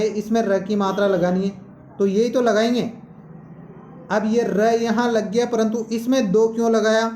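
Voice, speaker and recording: A male teacher, explaining a lesson slowly and posing questions to students. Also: high voice, a little mellow, roomy sound. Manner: slow, explanatory, asks questions. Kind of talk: classroom-style lesson.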